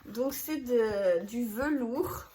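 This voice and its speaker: Woman in her 30s, unhurried, hesitant scrapbooking vlogger; echoey room. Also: fairly high pitch. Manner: chatty, with many hesitations and soft laughs. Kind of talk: casual haul chat to camera.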